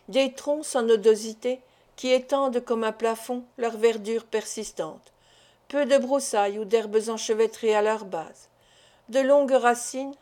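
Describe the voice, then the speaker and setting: A woman's voice: a little high, a little mellow. Woman narrating a classic novel. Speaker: audiobook reader. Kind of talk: scripted narration.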